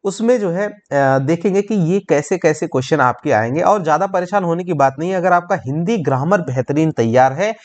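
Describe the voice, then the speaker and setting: A man's voice: fairly high pitch, expressive, a little fast, few pauses, muffled recording. A man teaching an exam-prep lesson, explaining each answer step by step and checking in with "right?".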